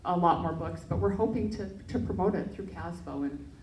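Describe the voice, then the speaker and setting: A woman's voice: on the low side, moderate pace, a little mellow, a little hiss or hum. A woman presenting an education project and answering questions, earnest, with frequent fillers and restarts. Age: adult parent. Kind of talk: pitch presentation and Q&A. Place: event hall. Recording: echoey room, mic from far off.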